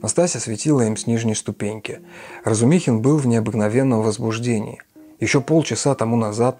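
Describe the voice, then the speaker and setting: A man reading a classic novel aloud as an audiobook with steady narration. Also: medium pitch. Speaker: reader.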